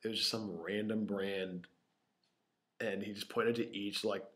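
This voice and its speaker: A man's voice: fairly low pitch, little pitch movement, measured pace, a bit bright. A young man telling rambling stories to his camera in a small empty room, with many fillers, sometimes dropping to a whisper. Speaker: vlogger. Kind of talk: unscripted casual storytelling to camera. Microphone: camera microphone.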